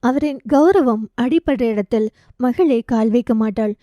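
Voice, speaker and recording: A woman narrates a romance novel as an audiobook. Her voice sits a little high with a mellow softness, and she reads in an expressive, conversational way, recorded dry and close. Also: measured pace, no echo, highs cut off.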